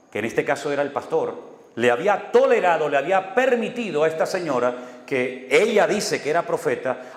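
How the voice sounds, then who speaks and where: Male pastor, sermon delivery, dry humor, echoey hall with long reverb. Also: fairly high pitch. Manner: storytelling, acts out dialogue with dry humor.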